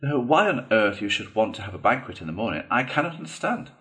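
A man voicing a boastful, excitable male toad gentleman in a storybook reading, gushing and theatrical. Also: fast. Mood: obliging. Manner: gushing, theatrical, shrill in outbursts.

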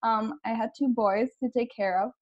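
A woman's voice: fairly high pitch, fairly even intonation, normal speed, muffled recording. Giggly enthusiastic woman from Czech Republic. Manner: giggly, enthusiastic, laughs often. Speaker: guest coach. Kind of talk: casual podcast interview.

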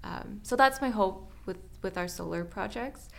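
Gravelly-voiced woman chatting in an interview. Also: mid-range voice, normal speed, a bit bright. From Northern Alberta, Canada. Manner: chatty, many fillers and restarts. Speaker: interviewee, solar project lead. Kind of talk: casual interview answers.

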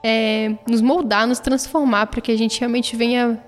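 A woman's voice: a little high, steady tone, measured pace. A woman telling a personal faith testimony in an earnest, emotional way. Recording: long reverb, soft music behind.

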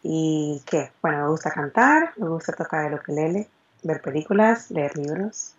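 A cheerful young woman in her twenties speaks with a Dominican Spanish accent. She answers interview questions in an easy, chatty way, her voice sitting fairly low. The audio is dull and lo-fi, like a remote call. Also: lively intonation, normal speed. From Dominican Republic. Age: 20s. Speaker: interview guest.

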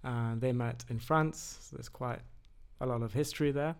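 A man who grew up in England talks about his background as a podcast guest. His voice has a gravelly edge, and he pauses often, filling the gaps with little hesitations. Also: medium pitch, fairly even intonation. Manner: hesitant, many fillers. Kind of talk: casual conversation.

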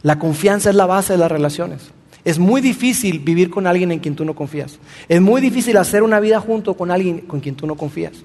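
A man's voice: high voice, expressive, fairly quick, a little mellow, long reverb tail. A man preaching a sermon, speaking earnestly and addressing the listener directly with rhetorical questions. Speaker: pastor.

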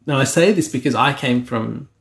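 A man's voice: mid-range voice, moderate pace, creaky. A middle-aged man from Sri Lanka co-hosting a casual podcast, talking earnestly and reflectively through a list. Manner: earnest, reflective, lists things one by one. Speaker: podcast co-host.

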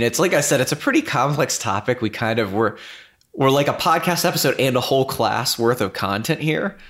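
A man co-hosting a podcast, talking in a relaxed, rambling way with lots of fillers. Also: mid-range voice. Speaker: podcast co-host. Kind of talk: casual podcast chat.

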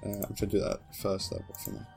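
A man's voice: sits low, monotone, fast, gravelly, a little mellow, faint music behind. A man playing a tabletop game, unsure of the rules and asking questions. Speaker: player.

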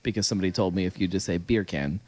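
A man's voice: sits low, rapid-fire, darkish tone. A man hosting a podcast in casual chat. He rambles with lots of fillers and laughs easily. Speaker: podcast host.

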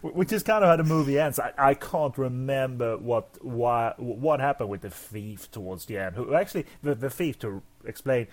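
A man's voice: medium pitch, animated, moderate pace, hardly any pauses, a little hiss or hum. A man co-hosting a casual movie podcast, stammering and repeating words, often chuckling. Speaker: podcast co-host.

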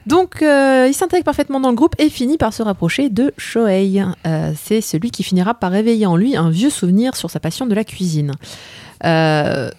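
Animated Parisian woman reviewing manga. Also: medium pitch, normal speed, no room sound. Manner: lively, laughing, many fillers. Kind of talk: casual panel chat.

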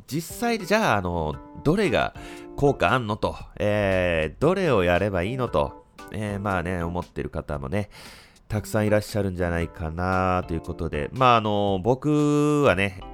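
Low-pitched man with a stuffy nose. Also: very animated, moderate pace, faint music behind. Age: 30s. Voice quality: stuffy, congested nasal voice. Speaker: podcast host. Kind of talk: casual solo chat with frequent pauses.

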